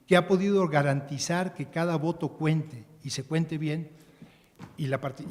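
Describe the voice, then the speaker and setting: A man giving a measured, formal prepared speech as a panelist, with occasional restarts. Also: fairly high pitch, darkish tone. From Mexico. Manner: measured, reading a prepared text, some restarts. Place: large conference hall. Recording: conference hall with long reverb.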